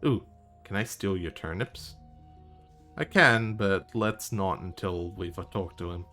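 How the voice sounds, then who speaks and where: A man's voice: deep voice, unhurried, pushed and bright. A man streaming a video game live, commenting in a wry, offhand way and swearing freely. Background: game music.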